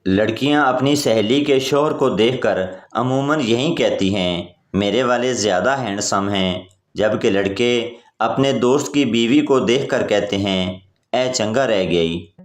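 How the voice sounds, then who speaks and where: A man's voice: on the low side, a little slow, slight background noise. A man reading out a string of short jokes in a plain storytelling way, giving every character the same voice. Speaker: joke narrator. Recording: roomy echo.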